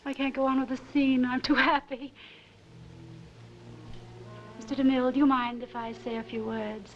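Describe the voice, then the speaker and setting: An actress playing a grandiose aging silent-film star, theatrical and breathy, with film score underneath. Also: female voice, sits high, little pitch movement, normal speed, soft background music. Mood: rapturous. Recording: dull old film soundtrack with score.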